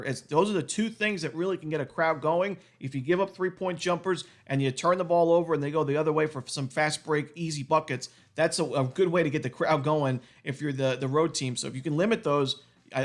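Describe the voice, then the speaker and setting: His voice strained by a cold, a man with a higher-pitched voice delivers a fast, stat-heavy rundown of sports betting picks, speaking solo.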